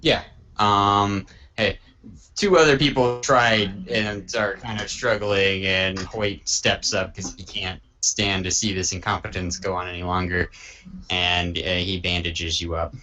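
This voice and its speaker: A man running a tabletop game as game master, talking in halting bursts full of ums and restarts. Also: sits low, steady tone, bright, forceful tone, a little hiss or hum.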